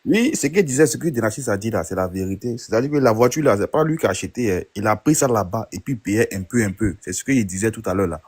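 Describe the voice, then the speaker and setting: A man on a live-stream panel, explaining quickly and keeping to seek agreement from others. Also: on the low side, animated, darkish tone, slightly rough.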